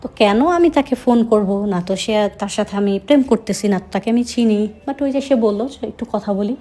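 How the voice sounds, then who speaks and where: A young woman with a slight Chittagong Bengali accent recounts her own story in an easy, chatty way. Her voice is mellow and low in brightness, and she often pauses or restarts her sentences. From Chittagong, Bangladesh. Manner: conversational, with frequent hesitations. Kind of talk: first-person storytelling.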